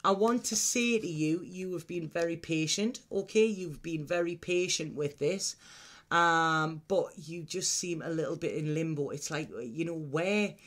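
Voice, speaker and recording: Male tarot reader, fairly high-pitched voice, for a mystical horoscope reading; reassuring, conversational, checks in with the listener often. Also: measured pace, a bit bright. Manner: reassuring advice with repeated "okay?" checks.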